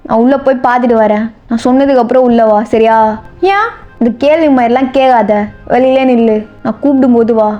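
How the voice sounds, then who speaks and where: A woman acting out a curt, teasing young lover who bosses people around, pitched down from her own high voice into a mid register. The sound is slightly dull lo-fi with faint music underneath. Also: fairly even intonation, brisk, close to an everyday voice. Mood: gruff. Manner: gruff, bossy, teasing. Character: brusque teasing young man, the heroine's lover. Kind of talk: storybook role-play.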